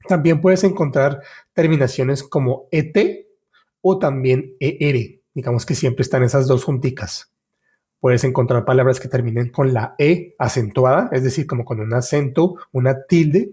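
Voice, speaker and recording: A man teaching French in a podcast lesson, explaining patiently step by step, talking to the listener as his student and repeating example words slowly. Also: medium pitch, warm tone.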